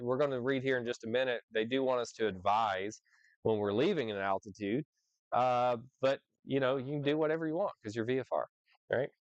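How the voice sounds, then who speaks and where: The recording is muffled but free of echo, carrying a man's clean, medium-pitched voice. As a flight instructor leading a discussion, he reads rules aloud, explains them informally, and often pauses to ask "right?"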